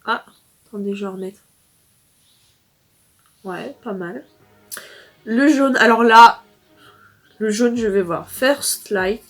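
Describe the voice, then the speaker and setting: A woman's voice: fairly high pitch, slow, long pauses. Chatty teen girl reviewing makeup. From France. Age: teens. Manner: chatty, rambling with fillers and restarts. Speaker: beauty vlogger.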